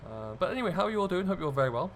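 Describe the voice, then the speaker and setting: Rapid-fire and high-sitting, this man's voice moves through big pitch swings, with a little hiss or hum audible. He's a host and gaming video creator giving an easygoing, chatty commentary to viewers during a casual let's-play of a farming simulator.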